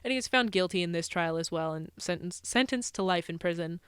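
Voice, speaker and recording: A woman's voice: fairly low pitch, a little fast, a bit bright, smooth, no echo, clean studio sound. A college-age young woman co-hosting a casual true crime podcast, chatty, laughing often and saying "like" a lot. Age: college-age young adult. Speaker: podcast co-host.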